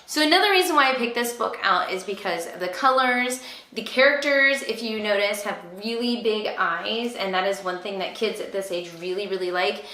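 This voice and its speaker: With a bright, forceful mid-range voice at normal speed, a homeschooling mother offers teaching tips in an instructional vlog, encouraging and explaining as she goes and pausing to read aloud to a child. There's slight background noise.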